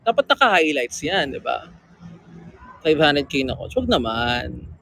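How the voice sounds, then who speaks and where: A man's voice: on the high side, very animated, a little slow, gravelly, bright, forceful tone, poor audio. A man chatting casually with fans on a livestream, teasing and reading their comments aloud, with a slightly sore throat. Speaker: livestream host.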